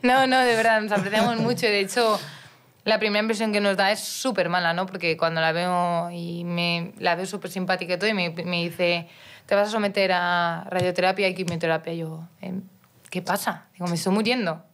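Young woman recounting her story, low-pitched. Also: level tone, fairly quick, a bit bright. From Mallorca, Spain. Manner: storytelling with many restarts and quoted dialogue. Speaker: guest, professional footballer. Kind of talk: casual interview chat.

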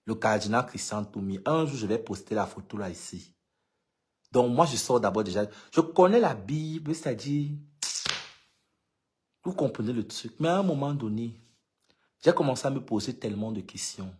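Animated and slightly mellow, the medium-pitched voice keeps a moderate pace. An LGBT activist from Cameroon speaks with a Cameroonian French accent in a casual vlog monologue for followers, emphatic and given to repeating points for stress.

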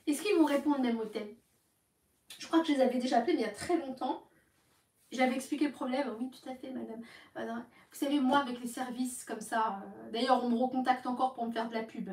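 A young woman telling her followers about phone calls in a casual, animated way, acting out the other side of each call. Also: high voice, fairly quick. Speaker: live streamer talking to her followers. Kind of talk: casual storytelling to viewers. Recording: echoey room, voice from some distance.

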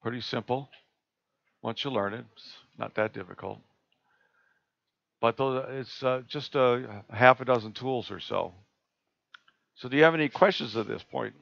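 A man presenting a live screen-share tutorial on a video call, talking in a relaxed, halting way with many fillers and restarts. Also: mid-range voice, creaky, no room sound. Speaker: astronomy club presenter. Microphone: computer mic on a video call. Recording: dull lo-fi video call audio.

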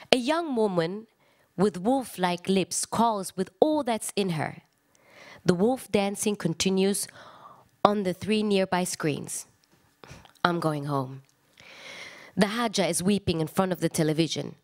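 A woman actor with a mid-range voice gives an expressive live reading of a literary text. She moves between conversational asides and declamation.

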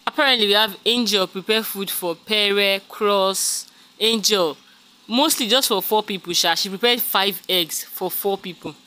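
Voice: mid-range voice, measured pace, pushed and bright. A host giving a chatty, casual gossip recap of a reality show, talking straight to the viewers. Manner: chatty, calls viewers "guys", many fillers.

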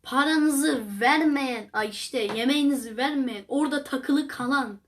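A woman's voice: high-pitched, unhurried, a little hiss or hum. A young woman hosting a casual reaction video, rambling and exclamatory as she talks straight to her viewers. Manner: chatty, rambling, exclamatory, addresses viewers as friends. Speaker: video host reacting to clips.

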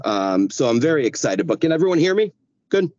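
A man's voice: a little high, very animated, fairly quick, a little mellow. A man joins a group voice chat from his parked car. His voice sounds dull and lo-fi, and the small space is dry with no echo. He chats loosely and fills the gaps with "like" and "uh". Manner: loose and chatty, many likes and uhs. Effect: heard over a group voice chat. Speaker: poet reading his work. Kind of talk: casual chat, then reading a poem aloud.

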